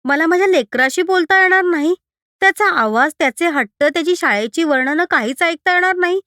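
A young wife, freshly struck deaf, pours out her fear in a high, pleading voice, as a woman reading the story puts her on. Her words come anxious and broken with worry. The sound is dry and close, with no room around it. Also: lively intonation, fairly quick, pushed and bright, no room sound, exaggerated voice. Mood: despairing. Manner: pleading, distraught. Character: frightened young wife suddenly gone deaf.

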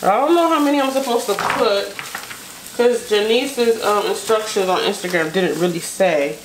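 This American home cook vlogger speaks at a medium pitch and moderate pace, chatting casually and unscripted as she cooks and thinks aloud. The home kitchen sounds echoey, with a noisy sizzling pan, clicks, and stirring in the background.

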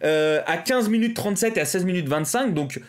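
A man's voice: sits high, expressive, brisk. A French man hosting a live stream, chatting casually with lots of fillers and small laughs at his own fumbles.

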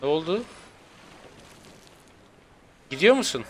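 A man doing excitable, jokey live gameplay commentary at home, jumping to high squeals when he is chased. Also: slow. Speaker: gaming streamer. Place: home room with an open window.

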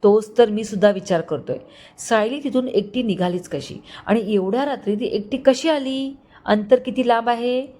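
A woman's voice: on the high side, moderate pace, dark tone, lightly acted. A woman voicing an angry, scheming young man who is a villain in a spoken family story. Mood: defiant. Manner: heated, defiant.

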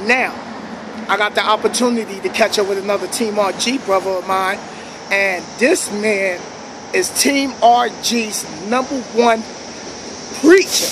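Man, New York accent, thirties, fairly high voice, hyped street slang, phone selfie video, loud train noise. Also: unhurried. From New York City (Bronx). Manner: upbeat hype talk with street slang. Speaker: vlogger host. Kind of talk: casual street vlog chat. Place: city sidewalk at night under an elevated train. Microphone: phone camera at arm's length.

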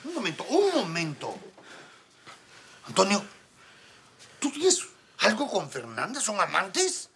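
An actor playing a pompous, snobbish middle-aged boss with a Peruvian accent, emphatic and disdainful, in a comedic telenovela. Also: male voice, high voice, wildly swooping pitch, slow pace, gravelly, long pauses, a bit bright, breathy edge, full character voice. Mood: questioning.

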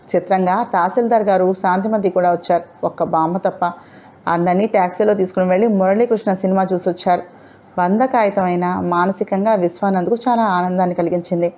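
A woman narrating a novel in a steady, even storytelling manner. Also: fairly low pitch.

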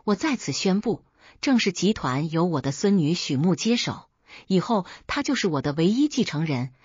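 Elderly family patriarch, loud and commanding, as a husky-voiced woman reads him. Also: very animated, moderate pace, no echo, lo-fi sound. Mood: solemn. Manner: booming, commanding. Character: wealthy old grandfather with a cane, booming and proud.

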